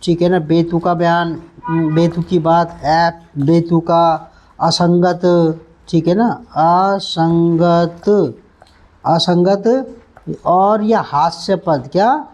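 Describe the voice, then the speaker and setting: A Hindi-speaking man teaching English vocabulary in an online lesson, slowly repeating words and spelling them out letter by letter. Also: a little high, fairly even intonation, darkish tone, dull audio.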